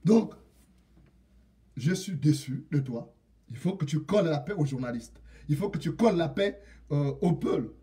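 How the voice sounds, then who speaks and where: Man from Gabon, indignant direct-address rant, repeats proverbs, high-pitched, mellow tone. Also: lively intonation, normal speed, pauses often, recorded from a distance. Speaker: political commentator.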